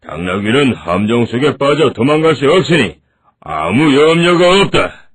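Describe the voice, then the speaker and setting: A man's voice: very animated, measured pace. A blustering lion king. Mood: gruff. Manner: gruff, booming laughs and groans.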